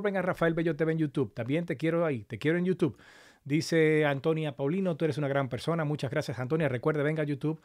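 A man hosting a casual live stream, a little hoarse from long talking, greeting viewers affectionately by name. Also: a little high, darkish tone. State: slightly hoarse after an hour of talking.

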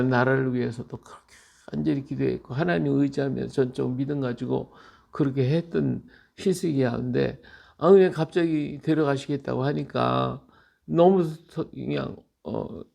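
A man's voice: medium pitch, gravelly, a little mellow. A man giving a conversational sermon on a Bible reading, speaking earnestly and repeating phrases for emotional emphasis. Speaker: Bible teacher.

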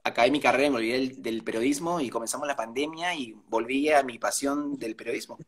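A man's voice: medium pitch, fast talker. A young man with a Peruvian accent, interviewing a guest over a video call in a polite, admiring manner. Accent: Peruvian Spanish. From Peru. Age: young adult. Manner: polite and admiring, full of affirmations. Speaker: interviewer, host. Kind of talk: friendly interview.

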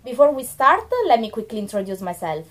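A woman with an Italian accent teaching a language lesson, saying example words slowly and clearly, with a friendly, encouraging manner. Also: on the high side, expressive.

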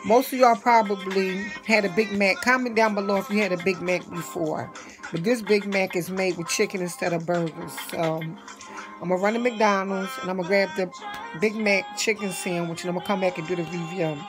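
An older woman reviewing fast food in casual chat, talking straight to her viewers. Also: mid-range voice, steady tone, music in the background. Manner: chatty, talks straight to viewers.

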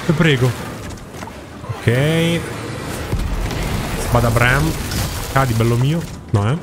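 A man narrating his game session in a loose, excitable way, cheering on his ally and egging on enemies. His voice sits at an ordinary pitch for a man. Game music plays clearly behind him. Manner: excitable, talks to the game and its characters. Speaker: gaming YouTuber. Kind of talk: casual gameplay commentary.

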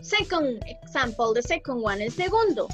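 High-voiced teacher with music behind. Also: female voice, very animated, a little slow. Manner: patient, switches between English and Spanish, calls pupils "mi amor". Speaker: primary school English teacher. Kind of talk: online class explanation. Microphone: video call.

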